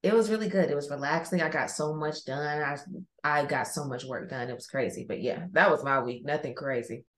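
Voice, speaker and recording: A woman's voice: low-pitched, brisk, fairly bright tone. A woman chatting casually as a podcast co-host from a hotel room, teasing and repeating phrases for emphasis. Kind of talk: casual chat. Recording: roomy echo of a hotel room.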